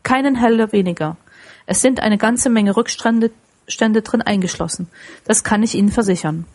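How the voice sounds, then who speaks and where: A jolly old man, once a miser and now bursting with goodwill, greeting everyone cheerfully and politely, as a woman reads him aloud. His voice is a little husky, and the lines come from a storybook reading. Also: medium pitch, moderate pace, darkish tone, natural voice. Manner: cheerful, effusive, courteous. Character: elderly male miser, suddenly jolly and kind.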